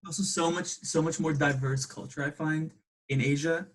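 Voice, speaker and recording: A man's voice: a little high, steady tone, moderate pace. A man hosts a podcast in a slightly raised voice, casual and joking with his guest. He stumbles over names now and then but keeps the talk friendly. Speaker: podcast host. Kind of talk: casual chat.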